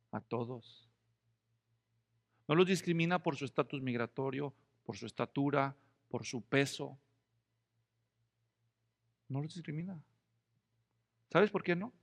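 A man's voice: medium pitch, takes it slowly, creaky, pauses often. A male pastor gives a humorous sermon and keeps asking the congregation questions. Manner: humorous, acts out quoted voices, asks the congregation questions. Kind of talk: expository sermon. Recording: long hall reverb.

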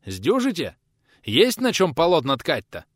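A male narrator voicing a gruff, irritable elderly pensioner in an audiobook, speaking brusquely and with command. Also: a little high, huge pitch swings, unhurried, no room sound, studio quality, pitched above the performer's own voice, heavily acted.

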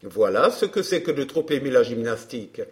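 A man reading a glib, self-assured gentleman in an audiobook dialogue, smooth and bantering. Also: mid-range voice, very animated, brisk, lightly acted.

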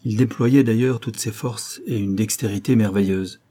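A man reads a novel aloud in steady, measured narration. His voice is low and mellow, with a dark tone. A husky grain runs under it. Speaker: audiobook narrator.

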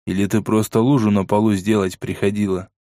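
Brief: a gruff wary man, curt and wry, lower pitch, dry studio audiobook read, by the narrator himself. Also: little pitch movement, a little fast, dark tone, no echo, close to an everyday voice. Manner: curt, low and sardonic. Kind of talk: audiobook character voice.

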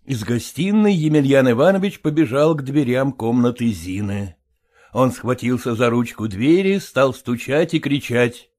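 A man narrating an audiobook in a measured, even way. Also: mid-range voice.

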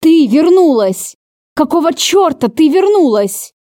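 A woman reading an audiobook voices an angry, jealous young man in slow, low, clipped lines, recorded close and dry. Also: very animated, warm tone, no room sound. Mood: furious. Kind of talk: audiobook character voicing.

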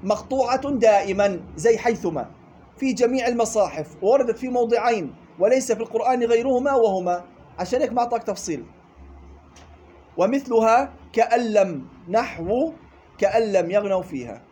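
A man's voice: extremely high pitch, expressive, brisk, warm tone, slightly rough. A man teaching a classroom lesson on Quran recitation rules, explaining step by step, repeating key points and checking with his students. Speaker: tajweed teacher.

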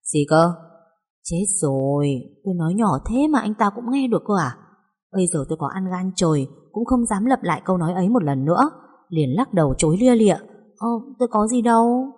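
A woman narrating a first-person story audiobook with a steady, expressive reading. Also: fairly low pitch, quick pace, slightly rough.

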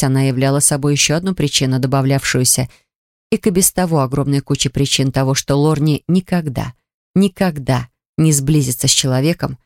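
An audiobook narrator with a low, slightly mellow female voice reads from a novel in scripted narration. The recording is clean studio sound with no room noise.

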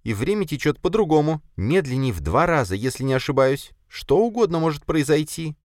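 Male narrator voicing a grumbling she-spider, sarcastic, high and sour. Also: sing-song, a little fast, no echo, clean studio sound. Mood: grumbling warning. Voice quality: grumbling, caustic.

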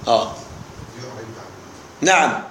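A man's voice: drawn-out words, reverberant, background noise. A man teaching an Arabic grammar lesson to a live class, explaining patiently, repeating key words and checking that the students are following.

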